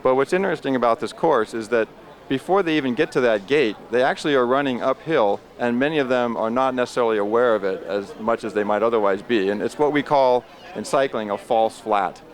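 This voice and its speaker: A man co-hosting live coverage of a road race outdoors, explaining the course in a precise, measured, technical way. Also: medium pitch. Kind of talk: explanatory live broadcast commentary.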